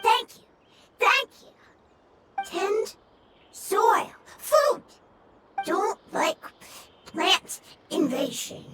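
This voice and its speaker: A woman voicing a small, timid game creature that speaks in halting, broken fragments, worried and earnest. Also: extremely high pitch, sing-song, very noisy, exaggerated voice. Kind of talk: video game voice acting. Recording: game music behind, slightly distant.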